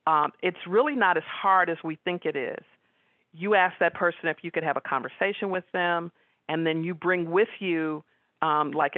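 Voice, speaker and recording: A woman giving a webinar talk as guest speaker, chatting with the audience and pausing on fillers. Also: on the low side, no room sound. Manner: conversational, frequent fillers. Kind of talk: webinar presentation with audience questions. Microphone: video call. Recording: tinny phone-like line.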